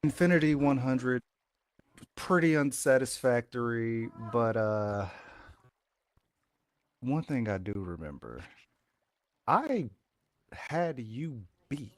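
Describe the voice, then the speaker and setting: A man playing a swaggering pro wrestler, delivering a deliberate, emphatic in-ring promo with drawn-out words. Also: medium pitch, expressive, dry recording. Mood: confrontational. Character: swaggering male pro wrestler calling out the champion.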